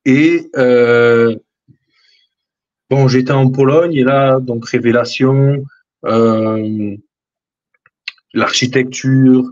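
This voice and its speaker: A man's voice: mid-range voice, steady tone, very slow, long pauses, darkish tone. A man speaking as a guest over a video call, his voice dull and lo-fi. He talks in a hesitant way, full of fillers and restarts. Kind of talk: casual chat.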